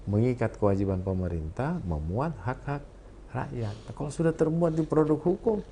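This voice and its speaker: A man's voice: medium pitch, lively intonation, moderate pace, mellow, slight background noise. A man with a South Sulawesi Indonesian accent, a party campaign official on a talk show, speaking earnestly and listing his points one by one. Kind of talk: political talk show discussion.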